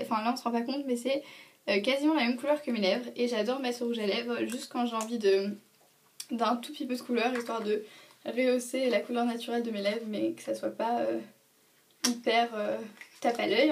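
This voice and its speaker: A young woman talks through her favourite products as a beauty vlogger, pausing often with fillers and restarting her sentences. Her voice sits a little high and sounds slightly distant from the microphone. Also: slight background noise. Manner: hesitant, many fillers and restarts. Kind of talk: casual product review.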